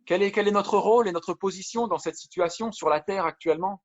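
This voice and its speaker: The audio is muffled and dull as a pastor preaches a video sermon, talking a little fast. His fairly high voice sounds earnest and searching, and he frequently restarts phrases as he reads out testimony.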